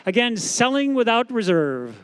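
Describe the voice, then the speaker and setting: A man describes cars for an auction crowd, announcing each lot's details. His voice sits high for a man and comes across crisp and resonant. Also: sing-song, moderate pace.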